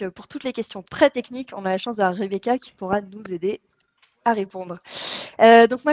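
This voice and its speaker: A woman of middle pitch leads an online training session. She explains things in a chatty, friendly-paced way, often pausing on fillers as she goes. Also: darkish tone, highs cut off. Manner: chatty and explanatory, with frequent hesitations. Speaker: co-founder and trainer.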